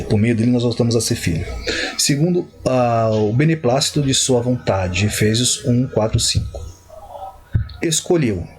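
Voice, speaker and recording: Guy teaching bible stuff on a stream, chatty, keeps saying tá? and fixing his words. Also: mid-range voice. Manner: conversational, frequent "tá?" check-ins and self-corrections.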